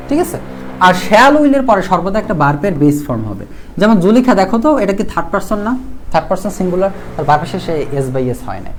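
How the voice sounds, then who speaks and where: Slight background noise accompanies a fairly high-pitched man with a Bangladeshi Bengali accent. He leads a live online English grammar class. He questions the class and answers himself, reads out comments from viewers, and restates the key rules.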